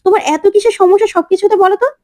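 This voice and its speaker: A woman's voice: very high-pitched, fairly even intonation, very fast, a little mellow, voice pushed up. A woman voicing a middle-aged aunt who defends the young wives and reproaches the grandmother. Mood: reproachful.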